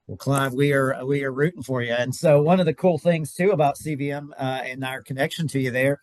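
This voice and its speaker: A man's voice: mid-range voice, brisk, a little mellow, no echo. A man hosting a podcast interview, friendly and encouraging with hesitant fillers. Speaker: podcast host.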